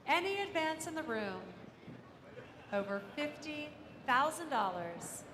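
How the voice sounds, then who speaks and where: A woman's voice: high voice, very animated, a little slow. A woman auctioneer calling a live auction, repeating bids and asking for any advance. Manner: auctioneer's repetitive bid calling. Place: large auction room. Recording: echoey hall, ambient noise.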